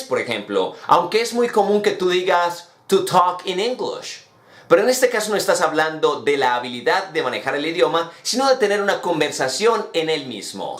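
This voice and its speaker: A man teaching English words, his voice set a little high and moving lively up and down as he explains. He slows right down to spell out each example phrase. The room around him gives a clear echo. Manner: slow, carefully enunciated English examples.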